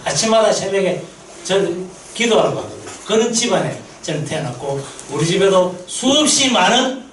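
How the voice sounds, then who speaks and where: Lively high-voiced man preaching. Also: moderate pace, reverberant, recorded from a distance, a little hiss or hum, low-quality recording. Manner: lively storytelling, asks the congregation questions. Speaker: missionary pastor. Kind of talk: sermon at a mission meeting. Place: church sanctuary.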